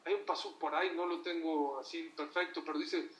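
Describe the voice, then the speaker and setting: A man preaching as a rabbi, emphatic, swinging between loud outbursts and low asides. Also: steady tone, brisk. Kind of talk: sermon. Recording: roomy, from a distance.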